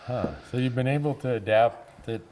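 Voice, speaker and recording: A man's voice: medium pitch, normal speed, darkish tone, a little hiss or hum. A man interviewing in a casual, folksy, informal chat style.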